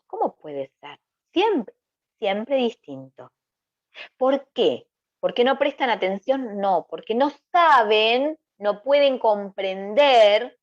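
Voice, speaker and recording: A woman's voice: on the high side, fairly bright tone. Woman lecturing, slightly muffled sound. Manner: explains with rhetorical questions and checks "¿sí?". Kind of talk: online lecture over slides. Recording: slightly dull lo-fi recording.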